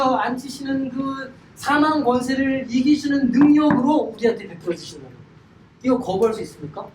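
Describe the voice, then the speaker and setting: Middle-aged male Bible teacher, animated and interactive with the class; recorded from a distance in a roomy hall. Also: extremely high pitch. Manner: animated, questions the class and acts out everyday sayings. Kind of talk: Bible study lecture with audience questions. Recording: echoey room, distant mic, clear background noise.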